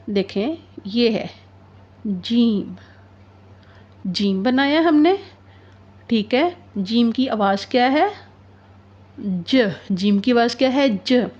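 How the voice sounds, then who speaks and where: A woman's voice: on the high side, darkish tone. A woman with a sore throat, patiently teaching handwriting, asking questions and answering them herself. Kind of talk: handwriting lesson. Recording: dull lo-fi sound.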